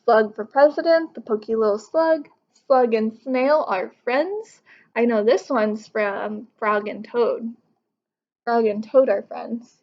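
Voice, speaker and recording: Here a woman in her thirties speaks slowly in a slightly high voice, reading a picture book to young pupils and explaining it as a teacher would. The muffled recording was made on a couch in a home living room.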